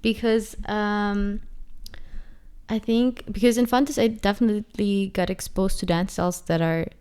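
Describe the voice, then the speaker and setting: A dancer in her twenties, appearing as an interview guest, talks casually in a mid-range, steady, clean voice with a darkish tone and a measured pace. English isn't her first language, and she's reflective, using many fillers and restarts as she searches for words.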